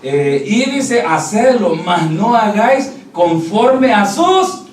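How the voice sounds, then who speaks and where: A man with a high-pitched voice delivers a Sunday sermon, pressing his congregation with question after question. He is recorded from across a roomy church hall, with faint ambience beneath him. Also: very animated, takes it slowly, recorded from a distance, slight background noise. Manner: preaching with rhetorical questions, addressing listeners as brother. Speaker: preacher.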